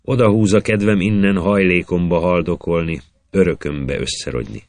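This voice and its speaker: A man's voice: sits low, a little mellow, no room sound. A man voicing a weary, homesick master smith who speaks in earnest verse.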